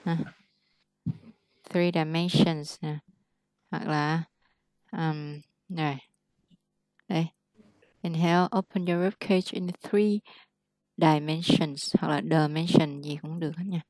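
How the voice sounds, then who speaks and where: A woman's voice: deep voice, fairly even intonation, slow pace, pauses often, darkish tone, no room sound. A woman tutoring English one-on-one, patiently correcting pronunciation and explaining words.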